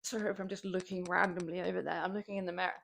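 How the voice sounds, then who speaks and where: Rapid-fire and on the low side, her voice is a bit bright, with a level tone and vocal fry. She's a young fitness streamer with a southern English accent, from southern England, chatting casually with her viewers as she lifts weights, rambling and laughing frequently.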